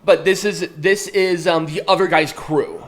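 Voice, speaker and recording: A man's voice: a little high, fairly even intonation, measured pace. A man chatting casually as a co-host, explaining things in a rambling way with crude slang and free swearing. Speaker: podcast co-host explaining a clip. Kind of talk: casual chat and reaction commentary.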